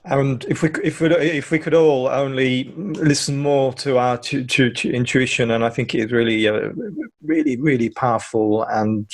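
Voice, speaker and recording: Male host, affirming, stumbling phrasing, medium pitch. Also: steady tone, moderate pace, dry recording. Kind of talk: casual interview talk.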